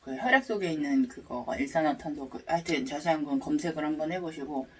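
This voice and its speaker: A woman with a husky voice telling a personal story to viewers in a casual, expressive way, acting out her reactions. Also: low-pitched, fast, distant mic. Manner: expressive, acts out her reactions and sound effects.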